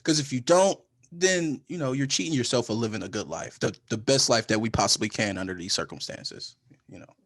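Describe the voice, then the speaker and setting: A man co-hosting a podcast, telling stories in casual chat with an animated manner and frequent laughs. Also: medium pitch, a little fast, no room sound. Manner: animated storytelling, laughs often. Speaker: podcast co-host.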